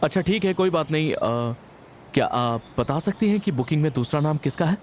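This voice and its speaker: A man's voice: fairly high pitch, lively intonation, fairly quick, a little mellow, a little hiss or hum, natural voice. An actor dubbing a playful young man who coaxes and pleads, in a dubbed drama. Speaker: dub actor.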